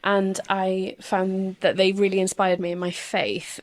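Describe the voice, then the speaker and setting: A woman's voice: medium pitch, completely flat delivery, measured pace. A woman, chatting as a podcast guest in a hesitant, thoughtful way. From Swansea, Wales. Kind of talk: casual interview chat.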